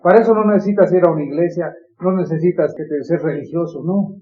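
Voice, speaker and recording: A man's voice: a little high, fast talker, lo-fi sound. A man preaching a sermon in an earnest, pleading manner, with many repetitions.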